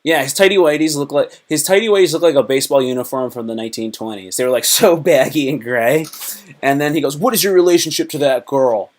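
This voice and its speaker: A man's voice: mid-range voice, quick pace. A young man live streaming, telling crude, joking stories in a rambling way full of fillers and restarts. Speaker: live streamer and stand-up comedian. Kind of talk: casual live-stream storytelling.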